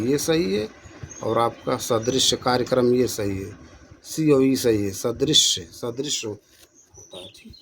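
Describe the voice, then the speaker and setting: A man at a middle pitch talks through exam questions as a tutor. He reads each option aloud and says the answer again and again. Faint noise hums behind him. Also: a little mellow, low-quality recording.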